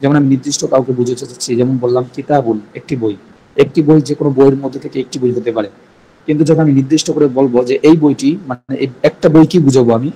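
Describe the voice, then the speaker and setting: In a recorded Arabic grammar class, a man with a Bangladeshi Bengali accent patiently repeats each point slowly. His voice is warm and medium-pitched with fairly even intonation. The low-quality recording has a little hiss or hum.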